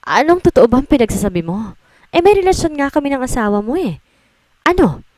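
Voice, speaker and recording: A woman's voice: high-pitched, sing-song, a little fast, darkish tone, dry recording, voice pushed up. A woman voicing a smug, defiant man who mocks his captor in a read-aloud story, in a raised, mocking voice.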